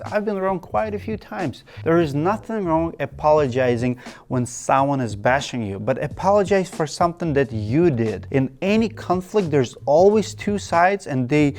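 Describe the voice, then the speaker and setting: Speaking with a Russian accent, this channel host from Russia delivers earnest, direct advice to camera in a list-by-list way, repeating points for emphasis. His voice is on the high side and a little mellow.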